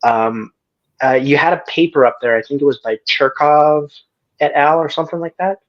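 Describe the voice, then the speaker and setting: Male debate guest, halting and casual, muffled lo-fi line. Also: fairly high pitch. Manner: hesitant, many restarts and fillers.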